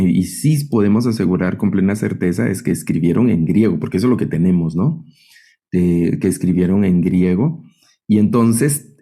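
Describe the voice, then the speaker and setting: With a warm, lowish voice, this Guatemalan-accented man leads an online Bible class as its professor. He explains things step by step and frequently checks in with brief tag questions.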